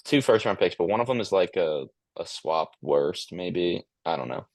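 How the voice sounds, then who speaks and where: A man co-hosting a casual sports podcast in a monotone voice, hesitant, with many ums and restarts. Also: low-pitched, moderate pace, dry recording. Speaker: podcast co-host.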